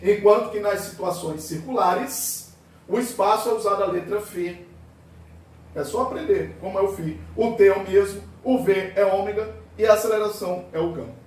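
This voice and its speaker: A man's voice: high voice, moderate pace, a little mellow. A male physics teacher giving a classroom lecture, asking questions and answering them himself, sometimes voicing students' objections. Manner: asks and answers his own questions, voices students' objections. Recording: very echoey room, voice far from mic.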